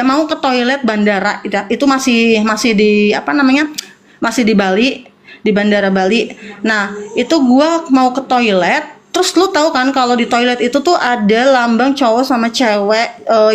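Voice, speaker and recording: A woman, a guest in a casual chat, telling a personal story in slangy talk and often repeating herself. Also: a little high.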